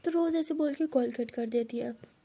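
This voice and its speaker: A woman's voice: high-pitched, normal speed, warm tone, a little hiss or hum. A woman narrating a love story in a casual, conversational storytelling voice. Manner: conversational retelling with dialogue tags.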